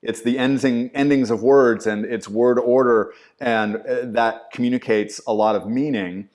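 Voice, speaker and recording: In a relaxed podcast conversation, a middle-aged acting teacher speaks at a moderate pace in a mid-range voice. He brings his stories to life by acting out quotes, swearing and all.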